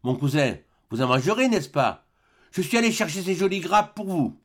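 A gentle, daring young woman from a classic novel, voiced by a man reading aloud, with a high, soft voice that coaxes and encourages. Her tone is tender but bold. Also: big pitch swings, normal speed. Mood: coaxing.

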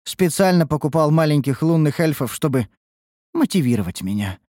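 Man reading a maimed captive elf woman in an audiobook, mournful and weary, voice lifted higher, dry close sound. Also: sing-song, normal speed, a little mellow, no echo. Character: broken, sorrowful captive female elf. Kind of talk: audiobook character voice.

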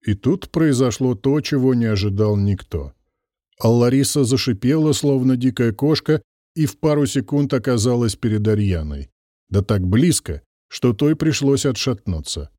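A man narrating a fantasy audiobook in a steady storytelling manner. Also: medium pitch, normal speed, no echo, studio quality.

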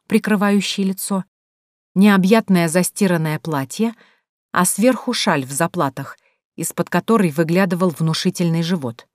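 A woman narrating an audiobook in a steady, even storytelling manner. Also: fairly low pitch, no echo, clean studio sound. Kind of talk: scripted narration.

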